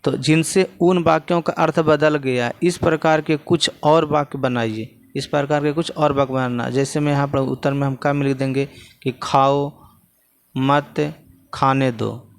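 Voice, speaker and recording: Male teacher with a Bihari Hindi accent, clear resonant voice, repeats lines while pointing at the text. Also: a little high, fairly even intonation, moderate pace. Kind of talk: classroom lesson explaining textbook answers.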